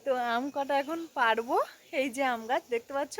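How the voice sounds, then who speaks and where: A young woman chatting to her viewers in a lively vlog, addressing them as friends, recorded outdoors on a sunny rooftop. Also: high-pitched, fairly quick. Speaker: vlogger.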